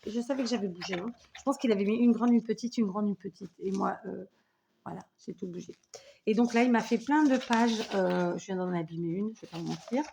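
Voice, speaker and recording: A woman's voice: medium pitch, a little fast, vocal fry, warm tone, slight background noise. A woman in her forties hosting a scrapbooking video at home, chatting enthusiastically as she opens gifts and thanks the sender. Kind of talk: casual unboxing chat.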